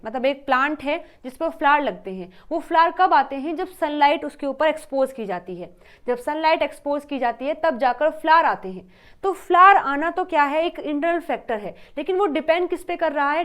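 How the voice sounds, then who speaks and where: Brief: woman teacher, high voice, mixes English terms into her explanations, repeats points. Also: fairly bright tone. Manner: repeats points, asks questions then answers them. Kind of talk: exam-prep lecture.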